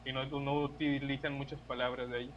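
A man's voice: mid-range voice, level tone, fairly quick, highs cut off, a little hiss or hum. A young Mexican man co-hosting a podcast in casual chat, easygoing and hesitant, often repeating himself. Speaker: podcast co-host.

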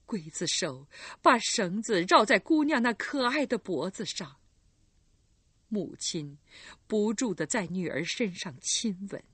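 A woman narrating an audiobook with slow, expressive storytelling. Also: medium pitch, breathy edge, no echo.

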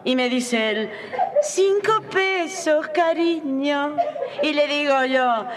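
High-voiced, bawdy tavern storyteller. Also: female voice, very noisy. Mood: bawdy amusement. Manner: chuckling, drawn-out, gossipy storytelling. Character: bawdy, boisterous woman swapping tavern tales. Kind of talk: radio drama acting. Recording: tavern crowd behind the voice.

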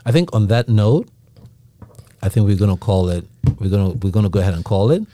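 A man's voice: fairly low pitch, lively intonation, fairly quick, warm tone, a little hiss or hum. A man with a Nigerian accent co-hosting a casual faith discussion, teaching reflectively and often checking in with "right?".

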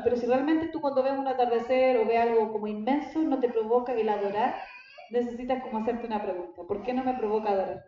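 A woman pastor gives a church teaching talk in a church hall, speaking conversationally and often putting questions to her congregation. Her voice is high with a dark tone, and the very echoey hall sounds dull, with slight background noise.

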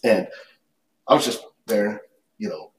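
Lower-voiced man telling a story, distant mic. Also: measured pace. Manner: storytelling, self-assured. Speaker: podcast guest, strength coach. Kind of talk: casual chat. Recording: distant mic with faint noise.

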